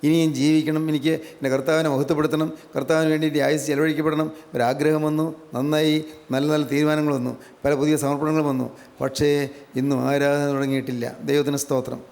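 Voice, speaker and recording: A man's voice: on the high side, little pitch movement, fast talker, darkish tone. A man from Kerala preaching a sermon with fervent rhetorical questions and repeated praise refrains. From Kerala, India. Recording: long hall reverb.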